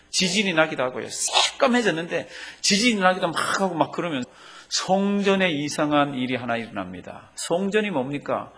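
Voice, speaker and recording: Male pastor preaching, slightly raised pitch, emphatic with questions put to the congregation. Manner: emphatic preaching, rising to loud calls when quoting scripture; asks the congregation questions and answers them himself. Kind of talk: sermon.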